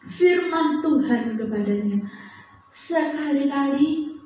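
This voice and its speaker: A woman's voice: high-pitched, expressive, slow pace, warm tone, a little hiss or hum. A woman preacher reading Bible verses aloud and acting them out with scorn. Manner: dramatic, acts out the verses with scorn. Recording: very echoey room, heard from a distance.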